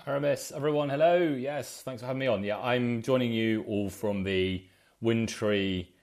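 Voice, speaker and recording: A man appearing as an expert guest, speaking casually in a relaxed, slightly wry way. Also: medium pitch, moderate pace. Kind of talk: casual interview chat. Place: London.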